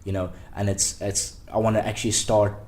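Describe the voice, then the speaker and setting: Relaxed and rambling, this twenty-something startup founder appears as a guest on a podcast for a casual interview chat, full of fillers and restarts. He speaks fairly fast in a fairly low-pitched voice.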